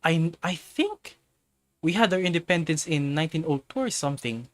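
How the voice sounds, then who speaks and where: In a dry recording, a man from the Philippines runs a relaxed livestream chat answering viewers, rambling and frequently restarting or correcting himself before circling back. He has a slightly high, expressive voice at a moderate pace.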